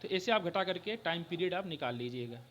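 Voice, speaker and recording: Guy teaching history for exams, high bright voice, keeps saying "okay" to check in. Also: expressive. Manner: repeats "ठीक है" often, explains slowly with restarts. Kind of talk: exam-prep history lecture.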